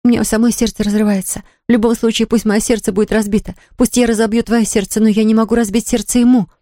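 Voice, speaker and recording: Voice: medium pitch, little pitch movement, fast talker, dark tone, dry recording, studio quality, lightly acted. A reader voicing a distraught young woman who pleads through tears. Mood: pleading. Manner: pleading, tearful outbursts.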